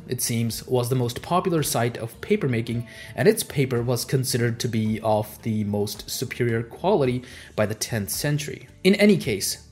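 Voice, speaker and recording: In a calm, scripted account of history, this man, whose first language is Urdu, leans on words like transitions to mark each shift. His voice sits in the middle range.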